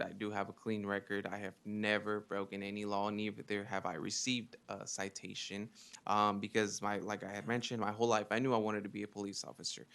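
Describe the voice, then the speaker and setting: A man's voice: lowish voice, vocal fry, fairly bright tone, clear, resonant tone. A young man in his twenties from Mexico, giving earnest prepared testimony to a legislative committee with frequent ums. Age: 20s. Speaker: witness testifying.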